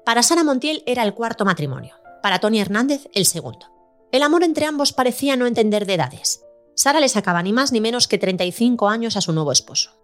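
A woman hosting a podcast, reading a scripted documentary narration in a measured storytelling way. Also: on the high side, big pitch swings. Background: faint music.

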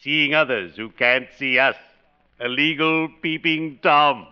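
An actor playing a genial, ghoulishly courteous undertaker in a 1940s radio comedy, with solemn, pompous, formal diction. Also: male voice, fairly high pitch, slow pace, clear, resonant tone. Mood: pompously genial. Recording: dull old radio recording.

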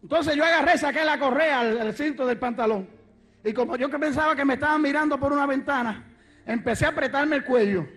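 Evangelist man, very high voice, shouts praise mid-story. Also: a little fast. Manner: fervent, shouting praise, swinging from quiet storytelling to loud exclamations. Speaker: evangelist preacher. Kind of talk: testimony sermon.

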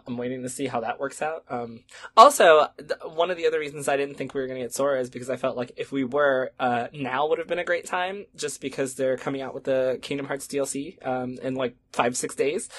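A man hosting a casual gaming chat, rambling with lots of fillers and laughs while he is sick. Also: mid-range voice. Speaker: podcast host.

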